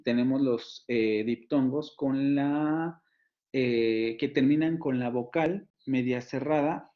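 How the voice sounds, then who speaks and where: A man with a Mexican Spanish accent giving a university phonetics lecture, explaining slowly, repeating example words and pausing with fillers. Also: medium pitch, muffled recording. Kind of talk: online lecture to students.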